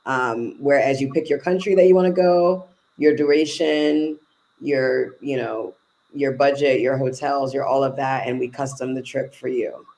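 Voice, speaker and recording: A woman's voice: extremely low pitch, steady tone, normal speed, darkish tone, rough recording. A woman managing travel bookings, explaining trip options in a casual interview, listing details with fillers.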